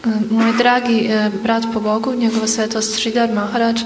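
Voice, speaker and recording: Female interpreter, native Croatian, fairly high even voice, hesitant delivery, noisy reverberant hall. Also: fairly quick. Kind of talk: consecutive interpreting of a religious talk.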